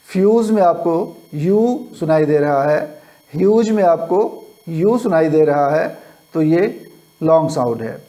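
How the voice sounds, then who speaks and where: A man teaching phonics, slowly reading out English word lists one word at a time. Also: fairly high pitch, mellow, very echoey, far from the mic, rough recording. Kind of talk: slow word-list lesson.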